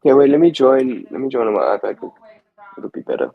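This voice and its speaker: A man's voice: medium pitch, expressive, gravelly. Man breaking up on a bad call line. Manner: halting, checks if he can be heard. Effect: cutting out over a bad call connection. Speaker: architecture student. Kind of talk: online design critique call. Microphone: poor laptop mic on a video call. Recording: muffled lo-fi call audio, faint music.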